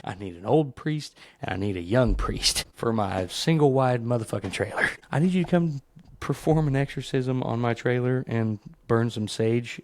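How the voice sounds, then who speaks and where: A man hosts his own solo podcast, ranting in a rambling, profane and comic style and telling animated stories, leaping into higher voices when he quotes people. His voice is creaky, and there's no echo.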